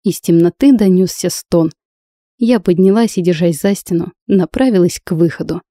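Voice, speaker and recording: A woman's voice: on the low side, moderate pace, warm tone, no room sound. A woman narrating a first-person fantasy audiobook with intense, emotional delivery, recorded close to the mic.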